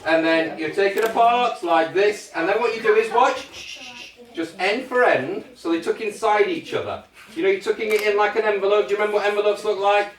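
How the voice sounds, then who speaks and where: Kids' party magician, British, mid-pitched, talking children through a task with encouraging patter; roomy, off-mic sound. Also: normal speed. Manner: checks often with short questions to the group. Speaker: children's party magician leading a craft activity. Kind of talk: hands-on step-by-step instruction to children. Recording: echoey room, distant microphone.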